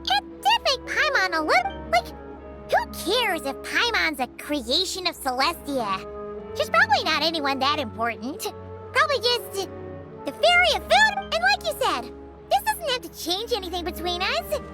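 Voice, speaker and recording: A chirpy little floating fairy companion, talking in the third person with a very high voice that leaps all over. She is greedy and excitable, a game sidekick, heard over loud bright music. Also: moderate pace, exaggerated voice. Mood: musing.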